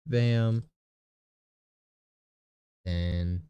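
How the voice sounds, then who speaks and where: Low and steady, with drawn-out words and a mellow, smooth quality, this young man's nasal voice comes through a muffled recording with a faint room echo. He's in his bedroom making a casual screen-recorded prep vlog for a tabletop game session, rambling, thinking aloud and correcting himself.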